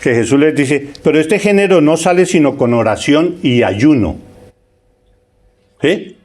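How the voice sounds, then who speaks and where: Preacher, male, slightly high voice, chatty sermon style with frequent repeats. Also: animated, a little mellow. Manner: conversational preaching with frequent "¿sí?" checks and word repetitions; reads scripture aloud, stretching key phrases slowly.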